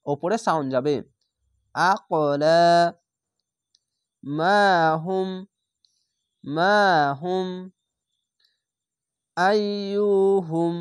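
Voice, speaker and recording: A man teaching Quran reading, sounding out each word slowly and repeating it before explaining how to pronounce it. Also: fairly high pitch, no room sound, studio quality. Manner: slow, patient, repeats each word drawn out. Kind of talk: recitation lesson, word-by-word.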